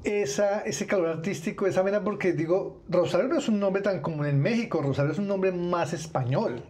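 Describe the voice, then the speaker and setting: A man's voice: high-pitched, a little fast, a little mellow. A man hosting an interview in Spanish, chatting eagerly and sharing his own stories. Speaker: interview host. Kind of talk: casual interview chat.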